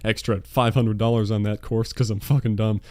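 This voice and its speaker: A man's voice: on the low side, flat delivery, normal speed, dark tone, no echo. A man in his twenties, a gaming YouTuber answering viewer questions in a casual monologue, with dry, sarcastic, self-mocking humor, recorded at home on a dynamic studio mic. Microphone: dynamic studio mic on a stand.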